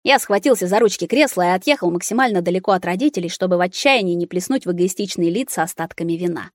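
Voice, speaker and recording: A woman narrating an audiobook in a steady, expressive reading. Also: on the low side, fast talker, no room sound, studio quality.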